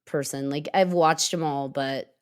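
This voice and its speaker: Texas woman host, low-ish voice, talks fast and easy, laughs a bunch. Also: fairly even intonation, smooth. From United States, Texas. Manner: chatty, laughs often. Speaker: podcast host. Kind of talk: casual podcast chat.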